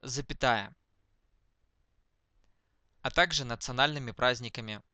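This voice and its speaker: Male, unhurried and clipped, bright tone, dictating to speech-to-text with spoken punctuation. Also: medium pitch, dry recording. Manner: speaks punctuation marks aloud, word by word. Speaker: dictation demonstrator.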